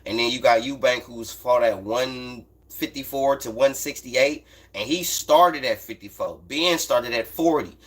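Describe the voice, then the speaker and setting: Running a casual boxing livestream, this American host fields chat questions in unscripted commentary. He talks at a measured pace in a slightly rough mid-range voice, rarely pausing, and leans on emphatic, cuss-heavy slang and repetition to make his case.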